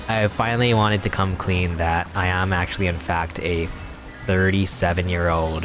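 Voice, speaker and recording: Young man, streamer, low-pitched, giggly, rambling, playfully mock-serious, casual live chat, game music behind. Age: young adult.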